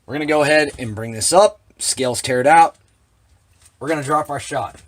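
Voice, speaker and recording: A man with a slightly higher voice, working through a hands-on demonstration of his equipment. He talks plainly and throws in dry, sarcastic asides. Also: brisk. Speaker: shotgun reloading demonstrator.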